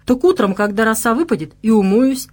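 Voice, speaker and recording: A woman's voice: on the high side, expressive, a little fast, a little mellow, voice pushed up. A woman voicing a cocky young male warrior in an audiobook, with a teasing, flippant way of talking. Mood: doubtful.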